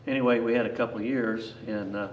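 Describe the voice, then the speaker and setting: Here a grandfather aged 60-plus spins a rambling, unscripted tale from his own life, folksy and plain-spoken, repeatedly doubling back. He talks quickly in a mid-range voice with fairly even intonation. Audio is dull and echoey, captured from a distant mic with a little background noise.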